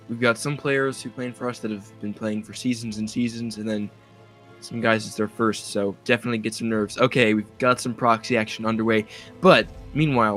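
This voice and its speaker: A man's voice: lowish voice, fairly bright tone. Man, esports caster, live commentary, explanatory, headset, faint background music. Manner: chatty, explains plays.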